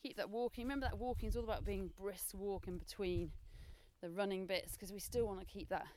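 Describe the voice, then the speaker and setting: A woman talking while jogging and walking briskly outdoors, giving chatty, encouraging coaching as a running podcast host. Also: medium pitch, fairly even intonation, a little mellow. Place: outdoors on hilly paths and forest. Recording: faint outdoor noise and birdsong. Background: outdoor noise, birdsong.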